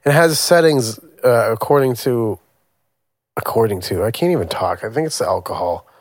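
Animated man joking around on a podcast. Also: medium pitch, moderate pace, no room sound, studio quality. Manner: playful, rambling, joking. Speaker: podcast co-host, music producer. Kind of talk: casual chat.

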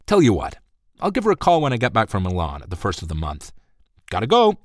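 A man's voice: fairly low pitch, wildly swooping pitch, fast, no room sound, studio quality. A man voicing a cool, confident male hustler with an unbothered drawl. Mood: cool, smug.

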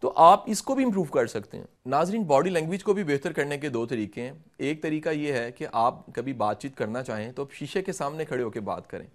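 Middle-aged man, interview guest, patient explainer who turns to address the viewers, mid pitch. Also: expressive, a little fast, few pauses. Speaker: guest speaker on communication. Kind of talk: instructive interview answers.

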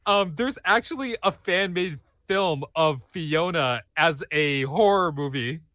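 A man co-hosting a podcast in casual, playful chat, quick to laugh. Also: a little high, expressive, bright, forceful tone, no room sound, clean studio sound. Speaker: podcast co-host.

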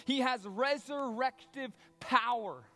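A man preaching a sermon as a pastor, telling the story in a conversational, animated way. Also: very high voice, takes it slowly, soft background music. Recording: long reverb of a large hall.

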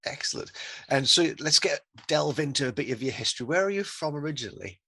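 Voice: mid-range voice, lively intonation, fast, pushed and bright, breathy edge, dry recording. A podcast host asking curious, encouraging questions in a casual interview.

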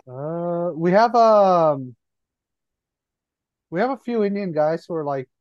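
A laid-back man co-hosts a casual basketball podcast and reacts to live games as he talks. His voice sits a touch high. The recording is slightly muffled and dry. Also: animated, slow, clean tone, no room sound. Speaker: podcast co-host. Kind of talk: casual sports chat.

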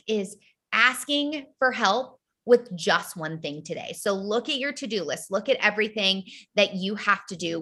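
Female podcast co-host, bright tone, casual chatty delivery. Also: mid-range voice. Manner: chatty, lots of filler "like".

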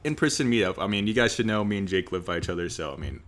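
Sitting in a garage with the door open by a main road, this podcast host is expressive and fast-talking as he runs a casual group conversation. His voice is low yet fairly bright, recorded through a USB desk mic fitted with a pop filter.

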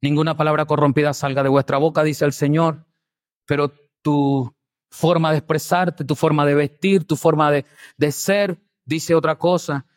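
Pastor guy preaching, kinda high voice, punchy emphasis then drops low and soft. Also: level tone, normal speed. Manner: emphatic preaching with rhetorical questions; swings between loud stresses and quiet low asides. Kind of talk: sermon.

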